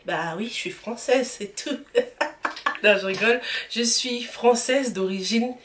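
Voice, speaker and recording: A woman's voice: fairly high pitch, measured pace, noisy background. A woman in her twenties from Cameroon, hosting her own channel and answering viewers' personal questions in a chatty, often laughing way. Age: 20s. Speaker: YouTube channel host. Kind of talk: casual Q&A vlog.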